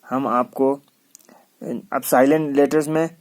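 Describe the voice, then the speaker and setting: A man's voice: mid-range voice, fairly even intonation, unhurried. A man teaching a lesson, spelling out words letter by letter and repeating each word several times. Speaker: English teacher. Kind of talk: classroom lesson.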